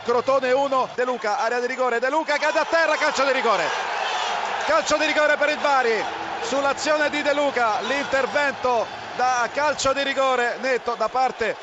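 A man commentates live football in a very high, excited voice. His goal calls are breathless and repetitive. The sound is dull and lo-fi, with clear noise around him.

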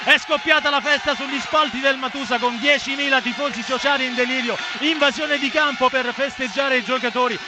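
A man doing excited, emphatic live play-by-play football commentary from a stadium. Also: extremely high pitch, a little fast. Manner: excited, emphatic, shouted goal calls. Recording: very noisy outdoor stadium broadcast.

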